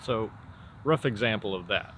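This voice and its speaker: Low-voiced man, casual drama teacher, noisy recording. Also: normal speed. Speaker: theater warm-up instructor. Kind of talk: informal drama lesson. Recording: clear steady background noise.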